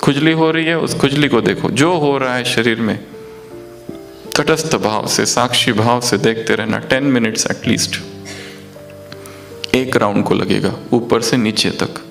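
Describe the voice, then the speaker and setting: A man teaching meditation in a spiritual talk, speaking slowly and repeating his phrases, often putting questions to his listeners. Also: medium pitch, gravelly, fairly bright tone, soft background music. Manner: slow, repetitive, chanting phrases.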